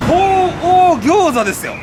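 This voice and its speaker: Man, high voice, very animated, quick delivery, street vlog with music behind. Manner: excited, enthusiastic, animated. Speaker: food vlogger host. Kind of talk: casual chatty restaurant review. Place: outdoors on a city street. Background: background music.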